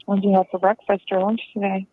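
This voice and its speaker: A woman talking gently and soothingly to an inmate over a prison phone line. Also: medium pitch, little pitch movement, fast talker, no room sound. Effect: heard over a prison phone line. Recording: tinny phone line with faint hiss.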